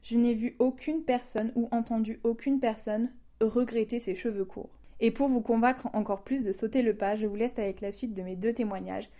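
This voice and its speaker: A woman's voice: fairly high pitch, fairly even intonation, normal speed, few pauses, warm tone. A woman hosting a podcast, reading her narration from a script and speaking directly to her listeners. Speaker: podcast host.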